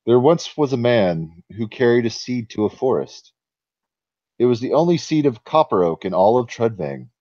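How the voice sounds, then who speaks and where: Old solemn giant played by a male game master, mellow and unhurried, reciting legends; dry, muffled sound. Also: medium pitch, lively intonation, no room sound, lightly acted. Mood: solemn, wistful. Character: ancient sleepy forest giant, solemn storyteller of legends.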